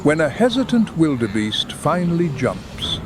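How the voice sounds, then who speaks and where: A man narrating a scripted nature documentary in a measured, dramatic delivery. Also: fairly high pitch, very animated, background noise. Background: background music.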